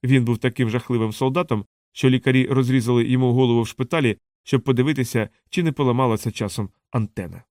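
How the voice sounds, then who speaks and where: Male audiobook narrator, mid-pitched, steady, dry close mic. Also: dry recording. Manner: measured, steady reading. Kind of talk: scripted narration.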